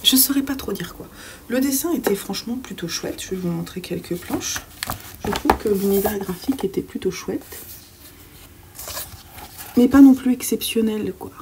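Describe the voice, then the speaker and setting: A woman's voice: mid-range voice, normal speed, pauses often, darkish tone, slight background noise. A French woman chatting casually in a reading vlog from home, hesitant and full of fillers. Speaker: book vlogger.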